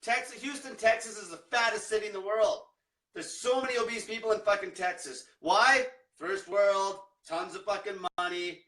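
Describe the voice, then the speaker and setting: Casting: young male diet coach, blunt profane ranter, high voice, echoey room, distant mic. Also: normal speed, fairly bright tone. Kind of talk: livestream rant.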